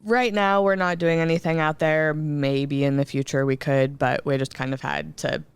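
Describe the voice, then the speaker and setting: Young woman co-host, quiet and soft-spoken, smooth clear voice, dry close sound. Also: little pitch movement, normal speed, no echo. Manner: soft-spoken, low projection. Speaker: podcast co-host. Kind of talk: casual chat.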